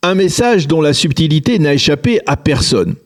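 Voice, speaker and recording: A man presenting a scripted news commentary in a measured, editorial reading. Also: on the high side, big pitch swings.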